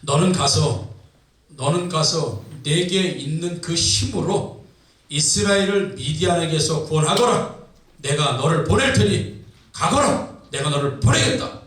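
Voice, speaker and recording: A man voicing God, slowly and firmly ordering a man to go and save his people. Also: a little high, expressive, a bit bright, pitched below the performer's own voice. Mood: commanding. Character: commanding divine voice sending a man out. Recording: echoey hall from far off.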